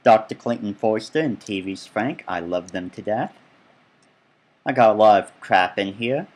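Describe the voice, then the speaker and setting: A man's voice: lowish voice, expressive, moderate pace, a little mellow. A man giving casual, rambling gameplay commentary as he tours his own build, full of chatty asides. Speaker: let's play gamer.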